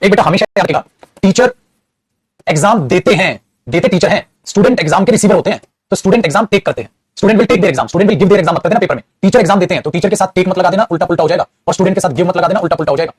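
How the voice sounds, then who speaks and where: A man's voice: high-pitched, racing, husky, no echo. A man teaching English grammar in a classroom, explaining patiently and calling his students "child", with some moral advice. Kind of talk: classroom lecture.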